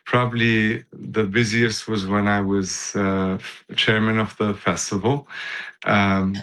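A man's voice: fairly low pitch, flat delivery, slow pace, fairly bright tone, poor audio. A man in his fifties from Lebanon, a guest in a casual interview, speaking unhurriedly with many fillers and restarts. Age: 50s.

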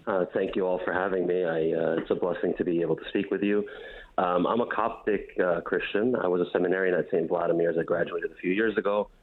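A man calling in to a show, talking in an earnest, steady way with occasional fillers. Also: low-pitched, quick pace. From United States. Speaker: caller. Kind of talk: call-in show comment. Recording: tinny phone line.

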